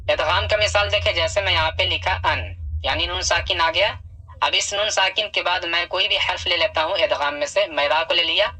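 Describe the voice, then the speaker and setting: Husky-voiced male recitation teacher. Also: sits high, sharp tone, rough recording. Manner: patient, repeats key sounds slowly and asks rhetorical questions. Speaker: Quran reading teacher. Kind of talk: step-by-step recitation lesson.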